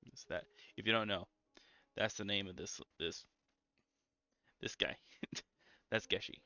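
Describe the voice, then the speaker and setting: A young man streaming a game in a calm, low-energy, mellow way, full of ums and easy asides. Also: unhurried, no room sound. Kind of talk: casual gameplay stream chat. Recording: slightly muffled lo-fi audio with faint music.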